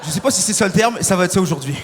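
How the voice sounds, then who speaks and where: A young man doing stand-up on a theater stage, animated and bursting into shouted impressions. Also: high voice, rapid-fire. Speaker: stand-up comedian. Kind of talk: stand-up comedy set. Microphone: stage microphone. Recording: reverberant hall, faint audience noise.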